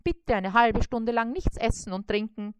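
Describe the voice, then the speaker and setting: A woman voicing a scrawny male mosquito dentist who is brisk, polite and reassuring. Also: on the high side, smooth, no echo, voice pushed up, lightly acted. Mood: businesslike.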